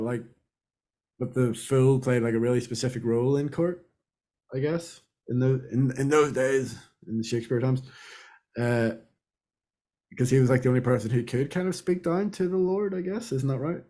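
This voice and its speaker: A man's voice: medium pitch, mellow. A young man from Britain, a podcast co-host talking casually and rambling with many fillers. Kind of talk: casual chat.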